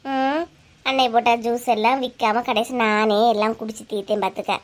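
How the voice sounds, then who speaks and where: A woman's voice: fairly high pitch, steady tone, natural voice. A woman with a Kanyakumari Tamil accent voicing chatty, gossiping village women neighbors in a cartoon. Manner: chatty, teasing, rapid back-and-forth. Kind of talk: cartoon voice acting.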